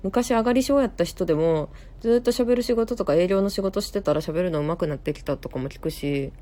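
A woman's voice: on the low side, brisk, warm tone. A young woman with a Kansai accent, hosting a casual live stream, chatting in a rambling way, reading viewer comments aloud and correcting herself as she talks. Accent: Kansai Japanese. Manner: chatty, rambling, many fillers and self-corrections.

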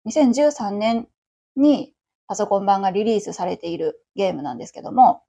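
A woman's voice: mid-range voice, animated, brisk, vocal fry, warm tone, husky. A woman around forty with a Kansai accent, chatting on her own as host of a livestream radio show, rambling along with many fillers. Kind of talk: casual solo chat.

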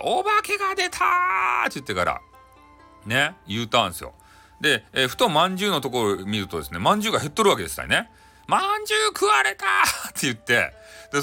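Lively Hakata-accented man telling a folktale. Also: medium pitch. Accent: Hakata dialect. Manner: playful and chatty, with many dialect endings. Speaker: storyteller. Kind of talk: bedtime folktale narration.

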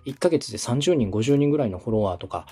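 Speaking fast and expressively, this Osaka man has a mid-range voice with a dark tone and a breathy edge. As a podcast host, coach and radio director, he walks through a consulting conversation step by step, politely and instructively.

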